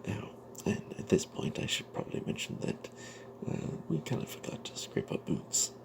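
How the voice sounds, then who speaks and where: A man narrates an off-the-cuff tale from a tabletop fantasy game in ASMR style, his voice breathy and half-whispered. He speaks haltingly, adding playful old-fashioned flourishes, with background noise in the recording.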